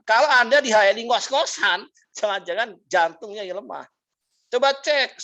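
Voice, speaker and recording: A man teaching a business class as a mentor, telling stories in an animated way, laughing often and acting out the people he quotes. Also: a little high, lo-fi sound. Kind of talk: motivational storytelling talk. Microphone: video call.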